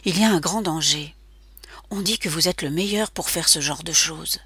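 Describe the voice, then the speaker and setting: A woman reading an audiobook and voicing a mysterious, desperate phone caller of unclear sex, in a whispery, mechanical, even tone. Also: low-pitched, moderate pace, breathy edge, full character voice.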